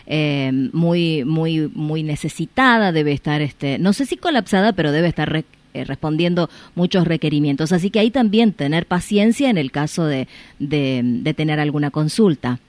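Argentine woman, radio host, lowish voice, hesitant questions, dry close sound. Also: animated, moderate pace, darkish tone, no room sound. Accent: Argentine Spanish. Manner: hesitant, searching questions with fillers. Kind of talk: radio interview.

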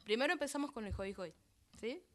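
An Argentine woman, a folk singer guest on radio, explaining a song tradition in a hesitant way, often pausing to search for words. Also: on the high side, animated, noisy background.

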